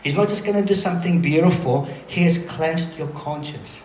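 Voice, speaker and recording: A man delivers a sermon in a fairly high voice, lively and talkative, pausing for quick asides. His voice rings through a roomy hall, with a faint hum of ambience behind it. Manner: animated, conversational preaching with asides. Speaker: preacher.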